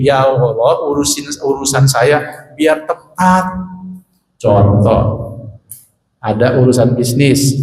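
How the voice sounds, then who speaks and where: A man's voice: mid-range voice, darkish tone. A middle-aged man giving a casual, joking sermon in a mosque, talking directly to his listeners. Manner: chatty, joking, talks to the audience. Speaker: preacher. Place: mosque hall. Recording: echoey mosque hall, long reverb, faint noise.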